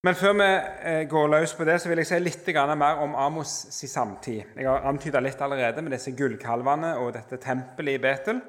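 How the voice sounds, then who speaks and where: A man lecturing on the Old Testament in a measured way, slowing down for emphasis and often pausing with hesitations. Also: fairly high pitch. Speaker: Bible teacher.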